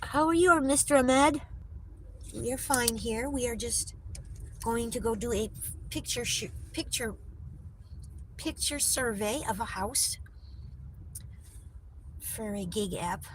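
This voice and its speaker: A woman's voice: a little high, slow pace, long pauses, poor audio. A woman chatting casually to her viewers on a phone livestream while she drives, answering their comments as she goes. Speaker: vlogger livestreaming while driving. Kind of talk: casual live chat to viewers. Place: in a car on the road. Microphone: phone mounted in the car. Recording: loud car and road noise.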